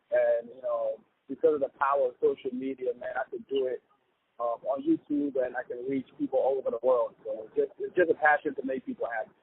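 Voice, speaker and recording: A man's voice: medium pitch, a little hiss or hum. A young man from Ghana, a comedian, chatting easily in a casual interview over the phone. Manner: easygoing, upbeat, chatty with fillers. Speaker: comedian guest. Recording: tinny phone-line sound.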